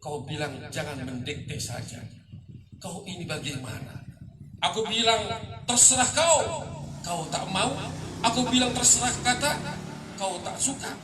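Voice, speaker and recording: A man with a high voice declaims a poem with passion, swelling and sinking line by line. He is heard from a distance in an echoing room, with clear background noise around him. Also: animated, a little slow, pauses often. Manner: impassioned, rising and falling with the lines. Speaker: poetry reader. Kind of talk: dramatic poetry recitation. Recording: echoey room, distant mic, noisy.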